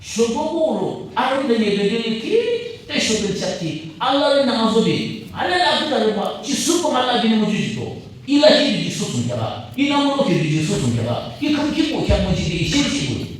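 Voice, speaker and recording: A man preaching a sermon as pastor at a pulpit microphone, animated and mixing English terms into his talk. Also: very high voice, moderate pace. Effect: preaching over a pulpit microphone through the church loudspeakers. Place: church sanctuary. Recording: very echoey church hall, voice from a distance.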